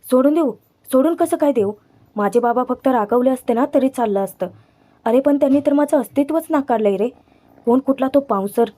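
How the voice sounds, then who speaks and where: A woman reads a distraught young woman's lines, agitated and upset. The voice is mellow and fairly high. It is a narrated serial recap. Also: lightly acted. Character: distraught young woman, rejected by her father.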